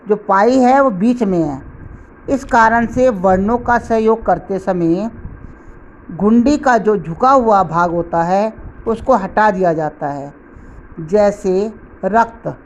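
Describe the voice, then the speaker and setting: Middle-aged woman teacher, grammar lesson, unhurried and deliberate, spells out each example, medium pitch. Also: a little hiss or hum.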